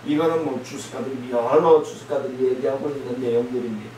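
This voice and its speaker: A male pastor preaching a sermon, blunt and scolding, with loud emphatic outbursts. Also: medium pitch, fairly even intonation, a little fast. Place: church sanctuary. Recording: very echoey church hall, mic from a distance, faint hiss.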